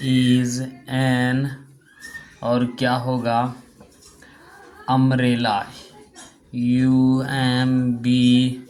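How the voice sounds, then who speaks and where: A man teaching English grammar, repeating himself and spelling words out letter by letter. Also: mid-range voice. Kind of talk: spoken grammar lesson.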